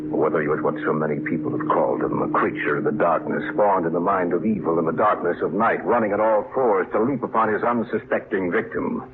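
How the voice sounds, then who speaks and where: A somber man narrating an old radio drama. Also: low-pitched. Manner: measured, somber storytelling. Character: man narrating, restless small-town local. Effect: old-time radio broadcast. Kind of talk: 1940s radio drama acting. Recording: tinny, hissy old radio recording.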